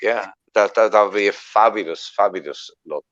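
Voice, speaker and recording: Low-pitched guy chatting, keeps restarting, dry dull sound. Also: fairly bright tone, dry recording. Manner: rambling, halting restarts. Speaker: podcast co-host. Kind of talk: casual chat.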